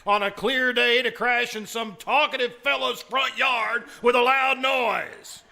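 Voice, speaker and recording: Guy doing a stuffy small town mayor, sarcastic n flustered, really high forceful voice, old time radio comedy. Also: a little slow, gravelly, full character voice. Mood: pompous, dry. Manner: formal wordy speech that tangles when flustered.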